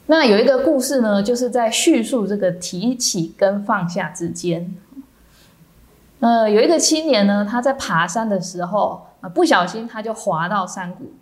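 A woman with a Taiwanese Mandarin accent, a Buddhist nun giving a dharma talk in a measured way with many soft fillers. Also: medium pitch, animated.

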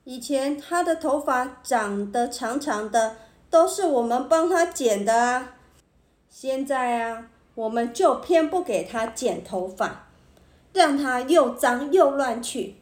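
A woman's voice: high-pitched, animated, slow pace, echoey room. A woman voicing a resentful, scheming village barber who speaks coldly and sulkily, in a storybook reading. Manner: sulky, cold.

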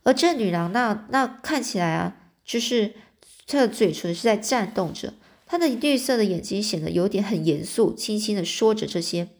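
A woman's voice: mid-range voice, expressive, moderate pace. Woman storyteller, casual read-aloud, chatty, explains words to listeners.

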